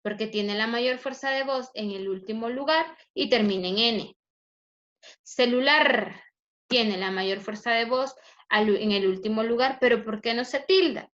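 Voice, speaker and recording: A woman teacher giving a review lesson, speaking slowly and stretching words out syllable by syllable, asking the class questions and answering them herself. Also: a little high, lo-fi sound. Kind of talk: recorded review lesson over screen slides.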